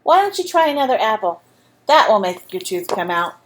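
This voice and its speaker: A woman's voice: medium pitch, very animated, brisk, natural voice. A woman doing an emphatic storybook dad. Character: determined father of a young boy.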